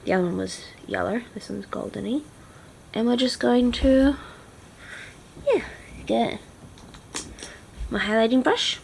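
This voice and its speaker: A woman's voice: a little high, measured pace, vocal fry, long pauses, slight background noise, rough recording. A woman vlogger chatting casually through a makeup tutorial, often dropping into half-whispers as she concentrates. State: teary-eyed.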